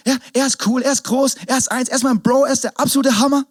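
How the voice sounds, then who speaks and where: A man preaching an energetic sermon, swinging between shouts and hushed asides. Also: very high voice, quick pace, dry recording. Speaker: pastor.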